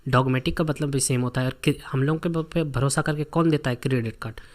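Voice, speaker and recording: A man's voice: mid-range voice, steady tone, fast talker. A man from India teaching a vocabulary lesson for exam students, repeating word lists and memory tricks with frequent check-ins.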